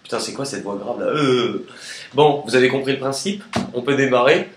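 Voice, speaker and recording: A man at an everyday pitch talks through a tarot spread in a relaxed, chatty way. His voice rings in an echoey room. A faint noise runs under it. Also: normal speed. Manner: chatty and relaxed, sings snatches of songs. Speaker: tarot card reader. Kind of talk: casual tarot reading video.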